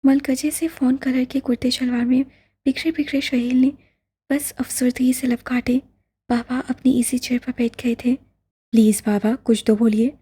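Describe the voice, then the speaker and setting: Casting: female audiobook narrator, slightly high, mellow and breathy, calm even reading. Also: normal speed. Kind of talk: scripted narration.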